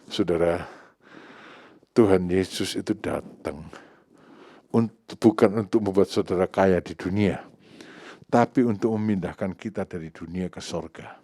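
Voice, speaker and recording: Low-voiced Indonesian man preaching emphatically. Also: unhurried, long pauses, no room sound, clean studio sound. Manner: swings between loud emphatic peaks and low quiet asides; addresses the congregation repeatedly as "saudara". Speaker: pastor. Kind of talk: sermon.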